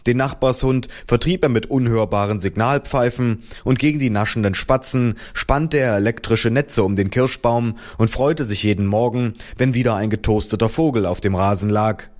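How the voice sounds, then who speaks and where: A man reading a humorous first-person story in a dry, deadpan manner. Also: lowish voice. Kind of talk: first-person audiobook narration.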